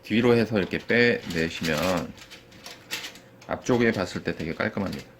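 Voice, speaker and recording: This low-voiced man, who owns a computer shop, goes through building a PC case at a normal speed in an easygoing, informal way full of fillers. Background noise can be heard in this casual, hands-on product walkthrough.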